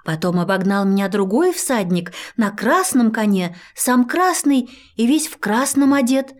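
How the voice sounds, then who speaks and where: A woman's voice: fairly high pitch, expressive, a little slow. A woman voicing a polite, timid young girl in a storybook reading. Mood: meek. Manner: soft, polite, respectful.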